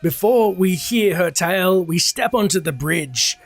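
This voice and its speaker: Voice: medium pitch, animated, measured pace, soft background music. A narrator telling a video game's story in formal, scripted storytelling style. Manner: formal storytelling in first person plural.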